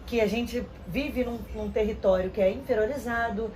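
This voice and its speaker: A woman, giving earnest, measured interview answers with some hesitant restarts. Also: on the high side, darkish tone, a little hiss or hum, low-quality recording. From Rio de Janeiro, Brazil. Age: 30s. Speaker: interview guest.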